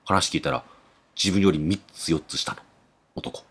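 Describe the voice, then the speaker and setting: A man's voice: a little slow, fairly bright tone, slight background noise. A man telling a story casually on a comedy podcast, acting out each character's lines. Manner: acts out characters' dialogue with big swings in pitch.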